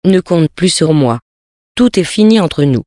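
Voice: medium pitch, animated, unhurried, warm tone, dry recording, clean studio sound, natural voice. A reader voicing a cold, self-satisfied young French officer who speaks curtly and dismissively, in a storybook reading. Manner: curt, dismissive.

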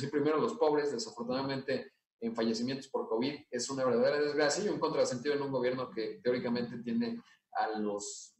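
A middle-aged man with a Mexican accent gives an analytical conference talk over a video call, full of fillers and asides. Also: mid-range voice. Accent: Mexican Spanish. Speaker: conference speaker. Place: indoor room. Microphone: webcam on video call. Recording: echoey room, mic at a distance.

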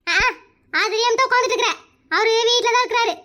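A woman voicing a sharp-tongued, gossiping village wife in a comedy cartoon. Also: extremely high pitch, fast. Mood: gossipy. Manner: chatty, teasing, scolding.

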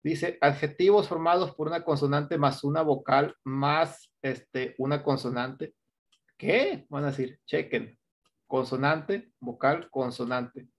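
A man's voice: on the high side, steady tone, slow pace. A man with a Mexican Spanish accent teaching an English grammar class online, explaining step by step and often checking with "¿no?". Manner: explains step by step, keeps asking "¿no?".

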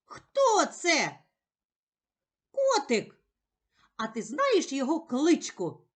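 A woman teacher speaking slowly and carefully in a sing-song voice, giving a reading lesson for young children. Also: high-pitched, very animated, a bit bright. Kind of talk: slow, clearly articulated children's reading lesson.

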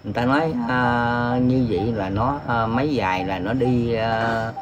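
An elderly man in his seventies with a Southern Vietnamese accent speaks haltingly, stopping and restarting often. His voice sits at an ordinary pitch for a man. Clear background noise runs behind him. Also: muffled recording. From An Giang, Vietnam. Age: 70s. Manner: halting, hesitant, full of fillers and restarts. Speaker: father searching for his missing daughter. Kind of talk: emotional interview answers. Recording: noisy background.

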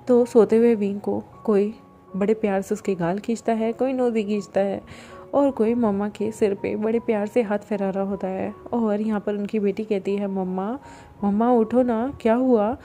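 A woman's voice: mid-range voice, fairly even intonation, normal speed, mellow, soft background music. A woman casually telling a fan-fiction romance story, chatty and sprinkling English words into her Hindi.

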